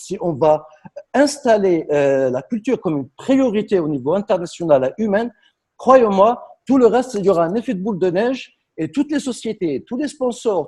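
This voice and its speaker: A man on a video call argues his point with conviction. His voice is slightly high but mellow and husky. He keeps stumbling into restarts as he pushes ahead. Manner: emphatic, with stammered restarts. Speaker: panel guest. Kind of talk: impassioned conversational argument.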